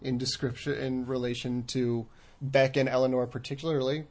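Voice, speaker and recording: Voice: mid-range voice, level tone, normal speed, noisy background. A co-host with a Colorado accent, chatting casually and agreeably about an episode. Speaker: podcast co-host. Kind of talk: casual recap chat.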